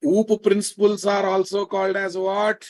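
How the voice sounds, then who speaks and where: A man's voice: sits high, monotone, normal speed. A man with a Telugu Indian accent giving a live programming lecture, repeating phrases and checking on his students with familiar, prodding questions. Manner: repetitive, questioning, scolding familiar address to students. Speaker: programming teacher.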